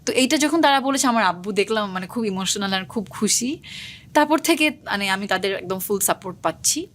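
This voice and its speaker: A young woman, an actress, talking quickly and casually in an interview, dropping English words into her speech. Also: medium pitch, lively intonation, a bit bright. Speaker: actress guest.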